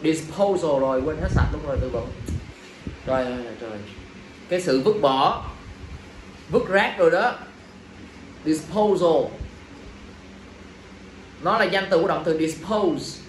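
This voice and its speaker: Speaking unhurriedly with frequent pauses, a man with a slightly high voice leads a classroom exam review, drilling students with constant check-in questions. The mic sits at a distance in an echoey room with faint ambient noise.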